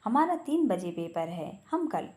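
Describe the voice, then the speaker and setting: A woman voicing a gentle younger sister who speaks in an earnest, reassuring way. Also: mid-range voice, very animated, unhurried.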